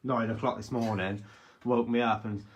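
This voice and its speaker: A man's voice: on the low side, flat delivery, normal speed. A man chatting casually on a ghost-hunting live stream, explaining things in a conversational, sceptical way.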